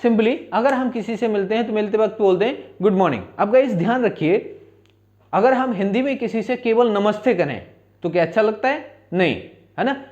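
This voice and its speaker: A man's voice: high voice, normal speed, darkish tone, muffled recording. A male teacher giving a spoken-English lesson, asking questions and answering them himself in repeat-after-me drills.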